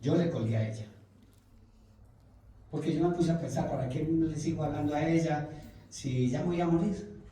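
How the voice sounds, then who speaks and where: Echoey preacher, voice from afar. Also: male voice, a little high, normal speed, long pauses, dark tone. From Colombia. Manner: emotional, repeats phrases for emphasis. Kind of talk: Bible study testimony sermon. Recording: very echoey room, mic far off.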